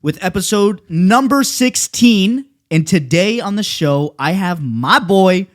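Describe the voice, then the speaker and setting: A man's voice: sits high, lively intonation, slow. A young man hosts a laid-back podcast and talks loosely. He swears freely and fills his sentences with likes and you-knows. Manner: loose and profane, lots of fillers. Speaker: podcast host. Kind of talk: casual podcast chat.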